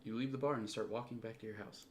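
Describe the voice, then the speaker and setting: A man's voice: on the low side, fairly even intonation, fast talker, faint music behind. A man streaming a visual novel, reading the narration aloud in a wry, playful way. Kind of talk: casual reading and joking.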